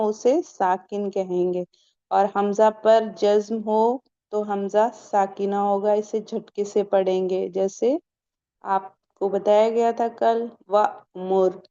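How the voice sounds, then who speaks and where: A woman's voice: medium pitch, dark tone, lo-fi sound. A woman teaching a Quran recitation lesson, patiently quizzing her class and answering her own questions. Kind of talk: online tajweed lesson.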